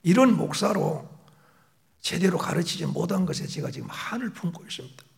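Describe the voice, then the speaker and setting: A middle-aged male pastor preaching a sermon, moving between raised emphatic phrases and soft whispered asides. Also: high voice, big pitch swings, moderate pace, vocal fry.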